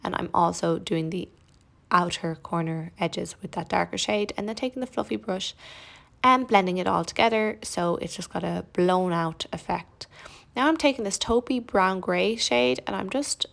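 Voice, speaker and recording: Gravelly-voiced young woman narrating makeup. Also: medium pitch, normal speed. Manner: chatty and relaxed, self-deprecating asides. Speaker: makeup tutorial host. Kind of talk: casual narrated tutorial.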